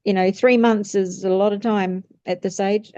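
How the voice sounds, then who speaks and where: A woman's voice: mid-range voice, steady tone, normal speed, dark tone, no echo. A woman in her fifties getting a reading, chatting casually and rambling with many fillers and restarts. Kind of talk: casual chat. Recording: slightly muffled lo-fi audio.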